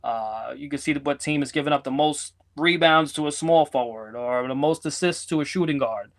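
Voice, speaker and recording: A man's voice: on the high side, moderate pace. A rambling, joking man co-hosting a podcast. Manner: joking, rambling, teasing his co-host. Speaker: sports betting podcast co-host. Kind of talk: casual banter.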